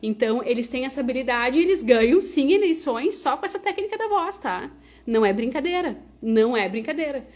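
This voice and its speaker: A woman teaches public speaking in a lively, conversational livestream, tagging her sentences with "né" and "tá". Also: high voice, brisk.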